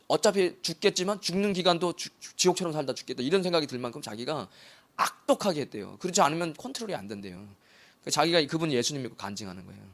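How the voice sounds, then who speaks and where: A male pastor preaching at a quick clip, his pitch leaping up and down as he acts out little conversations. His voice sits a bit high for a man. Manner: animated preaching, acting out imagined dialogue. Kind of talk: sermon.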